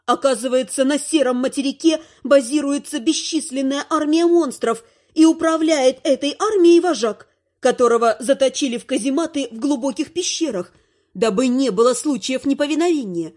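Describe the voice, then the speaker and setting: A woman with a high voice narrates a first-person audiobook. Her reading is wry and lively, dropping lower for the narration between characters' lines. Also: moderate pace.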